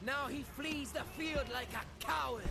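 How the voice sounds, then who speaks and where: Bright, high game herald. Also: male voice, steady tone, normal speed, vocal fry, soft background music, heavily acted. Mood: proclaiming. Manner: solemn, proclaiming. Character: male battlefield herald announcing the battle's turns. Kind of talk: in-game voice line.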